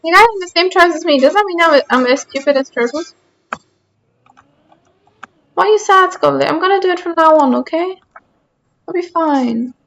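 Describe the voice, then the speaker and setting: An Austrian woman, a native German speaker with an Austrian German accent, chats casually and self-deprecatingly with her stream chat while she plays. Her voice is extremely high, a bit bright and creaky, at a moderate pace with frequent pauses, over slight background noise.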